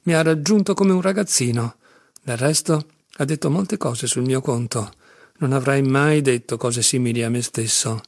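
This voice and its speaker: A man's voice: mid-range voice, moderate pace, creaky, no room sound, studio quality. A man reading an audiobook, voicing a tormented young man who speaks insistently and with agitation. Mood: agitated.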